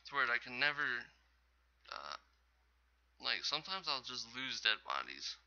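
A man's voice: medium pitch, sing-song, a little slow, gravelly, pushed and bright, dull audio. A man giving casual, rambling commentary over his own gameplay as host of a gaming channel, often correcting himself. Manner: rambling, chatty, self-correcting.

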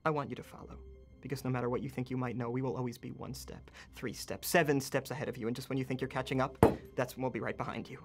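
A man's voice: mid-range voice, fairly even intonation, quick pace, music in the background, natural voice. An actor playing a cocky male stage magician under questioning in a film drama, smug, sarcastic and taunting. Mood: cocky, challenging.

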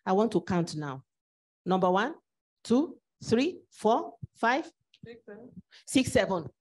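A woman moderating a conference panel, brisk and keeping time as she counts raised hands, her mic held away from her mouth. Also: medium pitch, sing-song. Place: conference hall.

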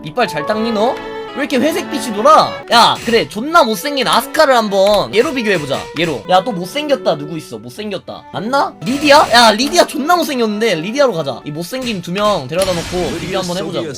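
A man streaming a fighting game, bantering crudely with lots of swearing, teasing and mock outrage, and answering viewer comments out loud. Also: sits high, big pitch swings, a little fast, music in the background. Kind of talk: casual gaming stream commentary.

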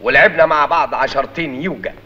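A man's voice: mid-range voice, fast talker, lightly acted. A man playing a boastful, bumbling middle-aged insurance salesman with an Egyptian accent in a film comedy. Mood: smug, boastful. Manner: stammers when flustered, jokey and boastful. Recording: dull, noisy old film soundtrack.

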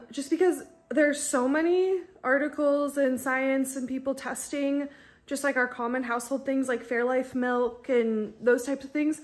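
A young pregnant woman chatting casually to her phone camera at home, tired, with lots of fillers. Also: high voice. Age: young adult. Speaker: vlogger, stay-at-home mom. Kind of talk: casual vlog chat. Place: large bright home kitchen and living room, indoors. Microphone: phone held at arm's length.

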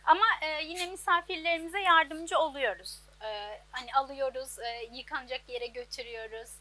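High bright young woman, hesitant. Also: normal speed. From Turkey. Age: 20s. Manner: plain, hesitant with many fillers. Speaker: business owner. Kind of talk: interview answers. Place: outdoor laundry workshop.

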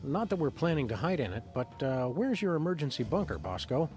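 An actor playing an easygoing cartoon dog detective in a comedy game, folksy, wordy and deadpan. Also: male voice, on the high side, fairly quick. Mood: wry. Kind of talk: animated comedy adventure game dialogue. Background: music.

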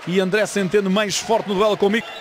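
Male play-by-play commentator, European Portuguese accent, very high excited voice, fast dramatic delivery, loud arena crowd behind. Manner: dramatic, bursts into drawn-out excited goal calls. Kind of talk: fast dramatic live roller hockey commentary. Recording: loud crowd noise in sports hall. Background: crowd and arena noise.

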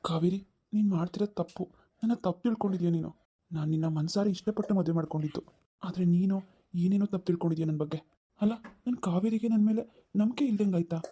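A man's voice: high voice, mellow. A man voicing a young cartoon husband who earnestly pleads with his upset wife and mutters his worries to himself. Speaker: cartoon character. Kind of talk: animated drama voice acting.

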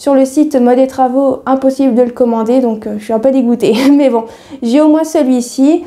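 A woman's voice: high voice, fairly even intonation, brisk, mellow. A woman chatting casually in a sewing haul video, rambling with many hesitations and laughing at herself. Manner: self-deprecating, easily laughing. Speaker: sewing vlogger.

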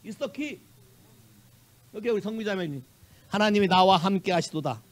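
Male Korean pastor, high voice, lively preaching with bits of English, dry close sound. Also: normal speed, no echo. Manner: animated preaching, mixing Korean with English phrases, quizzing the congregation. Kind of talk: sermon. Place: church sanctuary.

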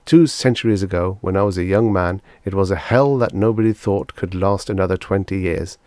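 A man's voice: sits low, brisk, a little mellow, no room sound, lightly acted. Storybook doctor, elderly male, pompous and emphatic, born lecturer, close dry sound performed by a man. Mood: earnest, grand. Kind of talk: audiobook character acting.

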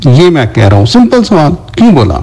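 A man's voice: on the high side, huge pitch swings, warm tone, rough recording. A man in a recorded voice message, insistently repeating pointed questions to his opponent. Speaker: debater in voice messages.

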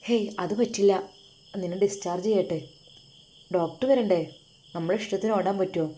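A woman voicing a concerned, gentle middle-aged father who reassures his family. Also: lowish voice, normal speed, lightly acted. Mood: soothing. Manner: soothing, reassuring.

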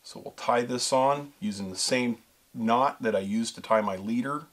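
On a small studio set with a backdrop, a middle-aged man who co-hosts the show and works as a fishing pro staffer walks viewers through a how-to, step by step, calling them "folks" and "guys." He speaks straight to camera in a mid-range voice at a moderate pace.

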